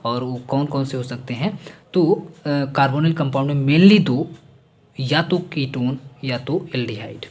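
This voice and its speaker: A man's voice: mid-range voice, a little slow, a little mellow. A man teaching chemistry in a chatty, repetitive way, mixing Hindi with English terms and hammering home exam points. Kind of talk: exam-focused classroom lecture.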